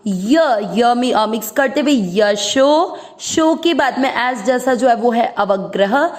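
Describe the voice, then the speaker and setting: A woman's voice: fairly high pitch, slow pace. A woman teaching Sanskrit verse pronunciation, patiently breaking words into syllables and stretching out each sound. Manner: patient, drawing out syllables and repeating each word. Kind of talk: slow syllable-by-syllable pronunciation lesson.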